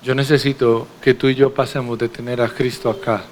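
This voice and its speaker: A man preaching in a church, emphatic and direct with his congregation. He asks rhetorical questions in a mid-pitched voice. Faint noise sits behind him. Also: flat delivery, a little fast. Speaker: pastor. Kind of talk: sermon.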